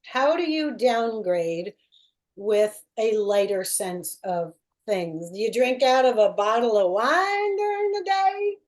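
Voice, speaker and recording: A woman leads a relaxed group talk, teasing others and laughing often. Her voice is a bit high and she speaks slowly. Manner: playful, teasing, laughs a lot, prompts others. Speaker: discussion leader. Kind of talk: casual group chat.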